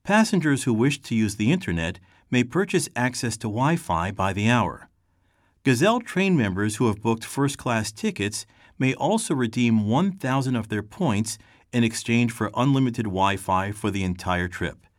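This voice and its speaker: A man's voice: medium pitch, lively intonation, moderate pace, no echo, clean studio sound. Polite man making a train announcement. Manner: polite, clear announcer delivery. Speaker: train announcer in a test recording. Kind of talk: scripted announcement.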